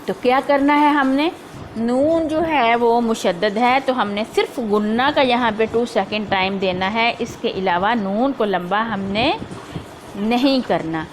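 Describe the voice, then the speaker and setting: A woman teaching Quran recitation, drawing out syllables slowly and patiently repeating each point. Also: a little high, a little hiss or hum, low-quality recording. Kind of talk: tajweed lesson.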